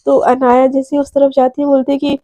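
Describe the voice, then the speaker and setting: A woman narrating a story in a loose, chatty way, filling her lines with little filler words. Her voice is high and mellow, recorded dry and close. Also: monotone, fairly quick, dry recording, muffled recording. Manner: chatty, uses many fillers. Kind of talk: casual spoken storytelling.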